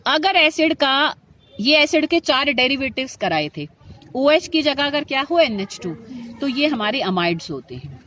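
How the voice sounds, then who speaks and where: A woman teaches chemistry in a classroom-style lecture, addressing her students affectionately and often posing questions to them that she then answers herself. Her voice sits high, very animated and fairly bright, at a moderate pace.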